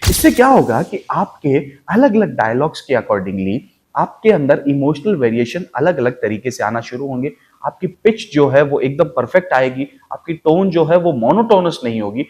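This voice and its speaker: A man with an Indian accent speaks as an acting coach in a mid-range, darkish voice, very animated and at normal speed. He gives viewers an instructional talk demonstrating voice techniques, delivered emphatically with repeated, parallel phrases.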